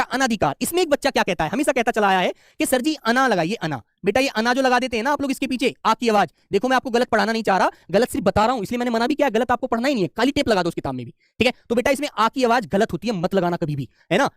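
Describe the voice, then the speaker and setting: A man's voice: very high-pitched, no room sound, clean studio sound. A man teaching an exam-prep class in a fatherly, coaxing way, often asking "hai na?" and calling his students beta. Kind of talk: online class lecture.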